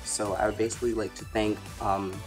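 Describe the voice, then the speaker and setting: A young man introduces himself and explains his plans plainly. His voice is somewhat low and sounds monotone. Music is clearly audible behind him. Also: a little fast. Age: young adult. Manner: explanatory, matter-of-fact. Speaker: incoming college student. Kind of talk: recorded introduction.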